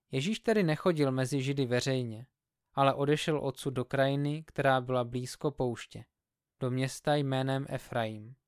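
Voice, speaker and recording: A man reading scripture aloud in a slow, measured, solemn narration. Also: mid-range voice, clean tone, dry recording, clean studio sound. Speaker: Bible reader.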